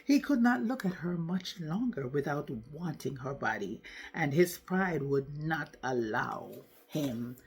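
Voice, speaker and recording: A woman narrating a storytime tale in a slow, deliberate way, with asides to the listener. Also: low-pitched, expressive, husky.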